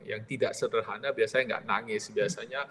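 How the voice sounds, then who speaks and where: A man in his forties, a priest leading a retreat, telling a personal story in a lively way and tagging his sentences with "ya". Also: on the low side, brisk, in a large hall, a little hiss or hum.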